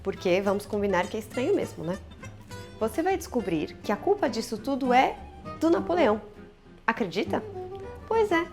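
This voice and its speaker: A woman with a Brazilian Portuguese accent teaching French numbers in an upbeat, playful online lesson, drilling each word slowly. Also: fairly high pitch, big pitch swings, a little mellow, soft background music.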